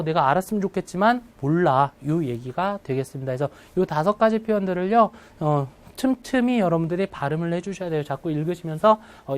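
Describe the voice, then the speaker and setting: A man teaching an English test-prep class to live students, often checking in with questions and slowing down to model phrases. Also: fairly high pitch. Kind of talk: classroom lecture.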